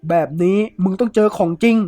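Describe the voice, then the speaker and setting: A man's voice: a little high, moderate pace, dry recording, lightly acted. A man voicing a greedy, crude male thief who blusters and sweet-talks. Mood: angry, blustering. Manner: loud, blustering, crude speech.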